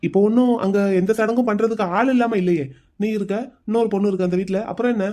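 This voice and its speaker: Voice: mid-range voice, fairly even intonation, fast talker, dark tone, close to an everyday voice. A voice actor playing a curt, protective young husband in a cartoon story, speaking firmly. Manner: firm, curt.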